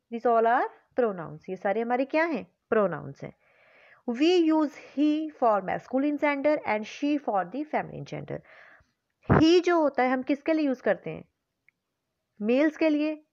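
A woman teaching English grammar with an Indian accent, explaining slowly in English and then repeating quickly in Hindi with questions to the class. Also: a little high, dry recording. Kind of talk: bilingual classroom lesson, mixing Hindi and English. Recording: dull, dry lo-fi recording.

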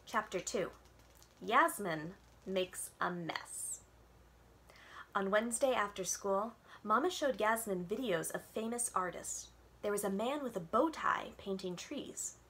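A children's librarian in her thirties reads a storybook aloud expressively at home, in front of a webcam. Her medium-pitched voice is animated, fairly bright and a little slow. The room has bookshelves, and the webcam sits at desk distance.

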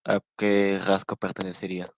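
A male student asks a short, hesitant question in a low, very flat voice. His call audio comes through muffled and dry. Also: normal speed, vocal fry. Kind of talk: asking a question in class.

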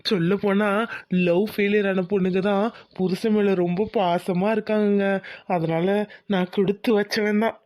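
A voice artist playing a naive, earnest young groom in a cartoon. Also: male voice, high voice, little pitch movement, normal speed, darkish tone, no room sound, studio quality. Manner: earnest and innocent. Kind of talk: Tamil cartoon dubbing.

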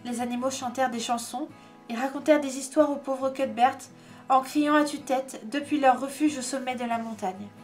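Woman reading a story out loud, high voice, expressive, faint music in the back. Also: normal speed. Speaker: reader.

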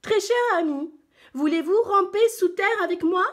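A woman voicing an eager little dung beetle's letter in a storybook, high and gleeful. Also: moderate pace.

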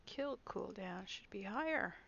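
Woman gamer, slow and gravelly, teasing banter, dull lo-fi mic. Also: mid-range voice, lively intonation, a bit bright, a little hiss or hum. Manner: teasing, laughs often. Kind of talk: casual gaming chat.

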